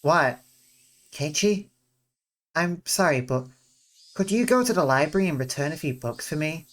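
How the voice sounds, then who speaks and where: A reader voicing a hurried middle-aged mother in a visual novel, polite but brisk and slightly raised in pitch. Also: animated, a bit bright, close to an everyday voice. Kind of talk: reading a visual novel aloud.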